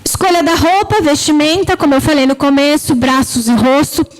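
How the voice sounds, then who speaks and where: A woman's voice: high-pitched, fairly even intonation, normal speed, low-quality recording. A woman with a Brazilian Portuguese accent giving a conversational lecture, often checking in with "né?". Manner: conversational, frequent "né?" and "tá?" check-ins. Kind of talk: lecture on political speaking.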